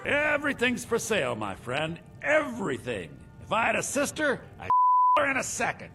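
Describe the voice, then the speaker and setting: A man's voice: extremely high pitch, huge pitch swings, normal speed, soft background music, heavily acted. A man voicing a sly, mercenary merchant in a fantasy game. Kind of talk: scripted game character dialogue.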